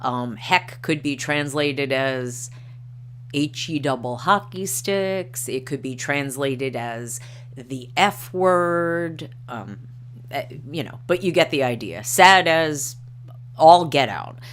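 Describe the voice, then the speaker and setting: Her voice is deep and expressive, and she takes her time as she hosts a livestream, reading out articles and quotes between casual chatter. Norwegian isn't her first language, and she hesitates constantly with ums and uhs. Some light hiss or hum can be heard.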